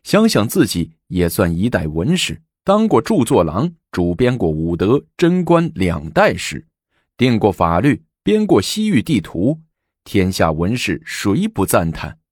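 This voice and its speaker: A low-pitched, husky male storyteller narrates with dramatic, sweeping inflection. The recording is close and dry, with no room sound. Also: wildly swooping pitch, a little slow, darkish tone, dry recording. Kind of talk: traditional oral storytelling.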